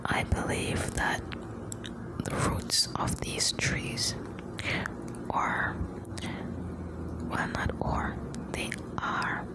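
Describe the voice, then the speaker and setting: A woman from the Caribbean whispering ASMR right up close to the microphone, rambling gently in short, broken phrases. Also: drawn-out words, pauses often. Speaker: ASMR host.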